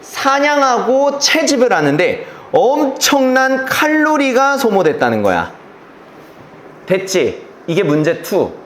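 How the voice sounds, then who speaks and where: A man's voice: very high-pitched, wildly swooping pitch, slow pace, fairly bright tone, a little hiss or hum. A man teaching a class, lecturing through an exam passage and checking in constantly with rhetorical questions and blunt slang. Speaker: English teacher. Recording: roomy echo with faint ambience.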